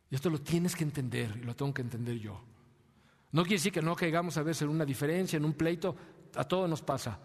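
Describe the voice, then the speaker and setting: Mexican pastor preaching in a reverberant hall. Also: male voice. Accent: Mexican Spanish. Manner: preaching with rhetorical questions and sudden drops to a soft, low voice. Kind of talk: sermon.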